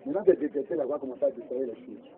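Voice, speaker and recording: A man's voice: medium pitch, sing-song, rapid-fire, gravelly. A man preaching a sermon on deliverance, emphatic and repetitive. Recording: tinny phone-like recording.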